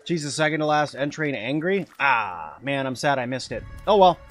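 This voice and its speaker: A man's voice: medium pitch, lively intonation, moderate pace, a bit bright, faint music behind. A man streaming a game live, talking casually as he plays and answering chat. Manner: chatty, answers chat while playing. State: eating while talking at times.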